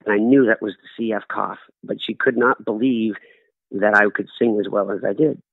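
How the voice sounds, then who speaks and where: A middle-aged Canadian man, a guest in an interview, tells stories earnestly and acts out the quotes in his conversational answers. His gravelly, slightly rough voice is fairly low with fairly even intonation and a moderate pace. The dry recording has no room sound and comes through a tinny, phone-like line.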